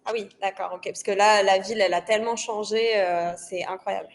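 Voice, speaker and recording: A woman in her thirties is the guest on a live-streamed interview, recounting her career. She talks in a chatty, easy way, with frequent fillers, at a mid pitch. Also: steady tone, a little fast, slight background noise. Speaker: guest, freelance journalist.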